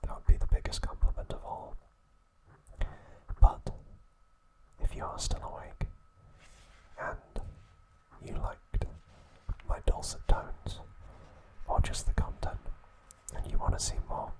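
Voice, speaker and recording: A man whispers soft, breathy ASMR trivia narration and a sign-off, very slowly and gently, in short soothing phrases meant to relax. The audio quality is poor.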